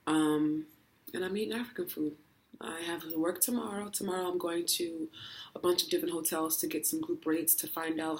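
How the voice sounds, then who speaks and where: Casual woman eating on camera, lots of ums, kinda monotone, stuffed and hiccuping. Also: low voice. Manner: chatty, filler-heavy with frequent ums and likes. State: full, hiccuping and burping. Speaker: mukbang vlogger. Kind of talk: casual chat while eating. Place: indoors, home in Dubai. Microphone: camera mic, no tripod.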